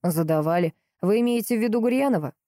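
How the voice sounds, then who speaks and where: A woman voicing a grumpy, irritable middle-aged male police colonel who talks dryly and gruffly, in an audiobook. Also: medium pitch, expressive, quick pace, warm tone, no room sound, pitched above the performer's own voice, close to an everyday voice. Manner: dry, gruff and snappish.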